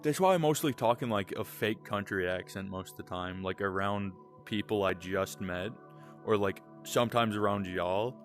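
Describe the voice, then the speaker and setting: A young man with a Southern American drawl rambles on in a casual late-night podcast chat, candid and quick to swear. His voice sits very low, and music plays behind him. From Southern United States. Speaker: podcast co-host.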